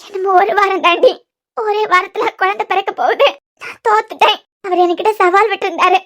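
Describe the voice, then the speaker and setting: Cartoon lead: woman doing an obsessive, vengeful young woman, Kanyakumari Tamil accent, tearful, pleading, very high and thin. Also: fairly even intonation, brisk, a bit bright. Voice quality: very high-pitched. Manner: pleading, self-pitying. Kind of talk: cartoon serial voice acting.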